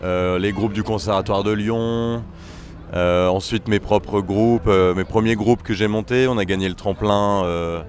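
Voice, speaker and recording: Deep-voiced young man, hesitant. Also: fairly even intonation, measured pace, slight background noise. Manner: hesitant, many fillers. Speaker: trombonist and bandleader. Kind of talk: casual interview. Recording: music faintly behind.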